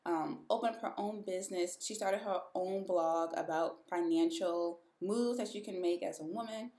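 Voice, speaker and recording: A woman's voice: on the low side, a little mellow. A woman hosting a podcast, chatty and emphatic, speaking casually and directly to her listeners in an echoing room. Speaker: podcast host. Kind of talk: casual podcast episode introduction. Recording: echoey, reverberant room.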